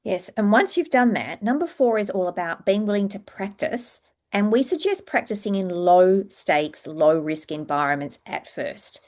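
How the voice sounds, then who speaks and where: A woman working as a public speaking coach, giving a structured, instructive presentation with clear explanations. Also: mid-range voice, expressive, moderate pace, few pauses, darkish tone.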